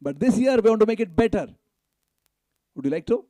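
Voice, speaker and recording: At a temple event, a man serving as announcer and fundraiser makes live appeals to the community gathering, exhorting listeners and prompting them to respond. His voice sits high and sounds animated and warm, a little fast, with no echo.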